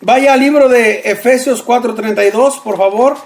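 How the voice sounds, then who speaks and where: A man preaching a radio sermon, earnest, repeating short phrases slowly for emphasis. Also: very high-pitched.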